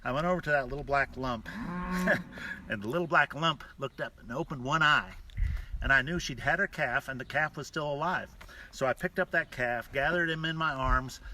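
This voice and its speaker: A male rancher explaining and telling stories off the cuff in a folksy, halting way with deliberate pauses. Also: mid-range voice. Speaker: rancher hosting a live stream from a ranch. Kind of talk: unscripted explanatory talk and storytelling. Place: outdoors on a cattle ranch. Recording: distant mic outdoors, clear background noise. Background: cattle mooing.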